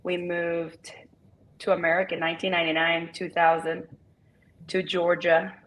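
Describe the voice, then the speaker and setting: A woman's voice: fairly low pitch, level tone, normal speed, a little hiss or hum, poor audio. A woman in her thirties from Brazil with a Brazilian accent and Portuguese as her first language, chatting easily and laughing as an interview guest. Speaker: guest, business owner. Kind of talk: casual interview chat.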